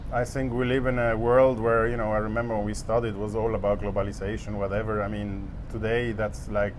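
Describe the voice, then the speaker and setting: A middle-aged man from Latin America answering interview questions in a relaxed, thoughtful way with frequent fillers. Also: lowish voice, a little fast, slight background noise. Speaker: interviewed alumnus, businessman. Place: apartment over city rooftops.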